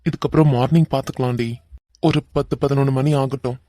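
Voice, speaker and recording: A man's voice: mid-range voice, fairly even intonation, a little fast, warm tone, no echo, clean studio sound, lightly acted. A man voicing a hot-tempered young man who mocks and threatens a crook, with a Kanyakumari Tamil accent, in a cartoon. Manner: threatening, mocking.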